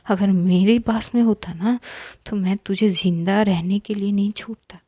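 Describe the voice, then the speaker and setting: A woman's voice: medium pitch, fairly even intonation, normal speed, mellow, no room sound, muffled recording, close to an everyday voice. A woman voicing a fierce protective young woman. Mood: angry. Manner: angry, scolding, lecturing. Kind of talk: storybook reading.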